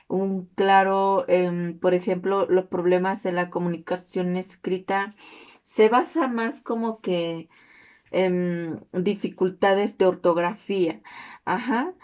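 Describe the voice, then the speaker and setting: A young woman with a Mexican accent and a naturally hoarse voice, giving an earnest, informal class presentation. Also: steady tone, slow pace, darkish tone. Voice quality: hoarse, low-toned voice.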